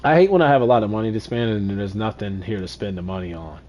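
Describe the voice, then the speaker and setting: A man's voice: fairly low pitch, fast talker, darkish tone, muffled recording. A man streaming a football video game, chatting casually to himself and sometimes ranting in exasperation. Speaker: gaming streamer. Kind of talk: casual gameplay commentary.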